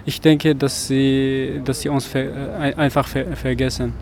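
A man's voice: mid-range voice, little pitch movement, unhurried, vocal fry, darkish tone. A man from Afghanistan, a protester speaking hesitant, broken German with many fillers. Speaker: asylum-seeking protester. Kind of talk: street interview. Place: outdoors in a city street. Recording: faint traffic noise outdoors.

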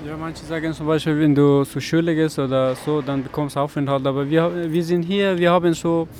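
Man from Afghanistan, monotone, hesitant broken German, faint outdoor traffic. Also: on the high side, brisk. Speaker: asylum-seeking protester. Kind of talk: street interview. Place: outdoors in a city street.

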